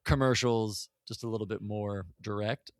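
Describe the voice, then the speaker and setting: A man co-hosting a casual podcast, chatting in an animated way and laughing often. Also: on the low side, slow pace, no echo, clean studio sound. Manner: animated, laughs often, acts out quoted lines. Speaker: podcast co-host. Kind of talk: casual retrospective chat.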